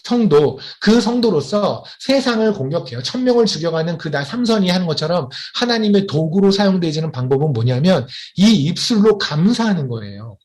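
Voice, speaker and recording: A man preaching a sermon as a missionary, who keeps asking his congregation questions and slows down to stress key points. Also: high-pitched. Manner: animated, asks the congregation questions often.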